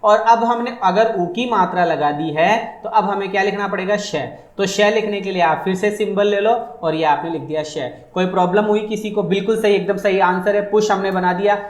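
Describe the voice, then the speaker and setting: A man's voice: high voice, normal speed, hardly any pauses, echoey room. A man teaching a phonetics lesson, repeating each point and asking questions that he answers for his students. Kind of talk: online exam-prep phonetics lesson.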